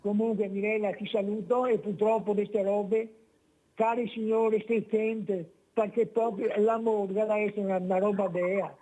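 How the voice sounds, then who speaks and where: Man, Venetian accent, caller on speakerphone, muffled phone line, dark tone, rambling and indignant. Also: high voice, level tone, moderate pace. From Venice, Italy. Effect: on speakerphone over a bad phone line. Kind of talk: call-in radio comment.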